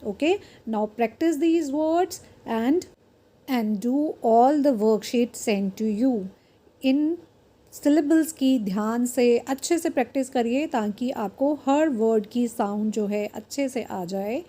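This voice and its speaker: A woman teaching a phonics lesson, pronouncing each word slowly and carefully. Her voice sits a little high but has a soft, mellow tone. She moves between Hindi and English as she explains to her students. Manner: slow, deliberate word-by-word pronunciation drills.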